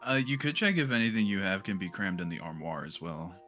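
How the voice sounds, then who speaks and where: Male gamer, wry and playful, bright edge, animated intonation, casual group chat. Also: sits low, quick pace, soft background music.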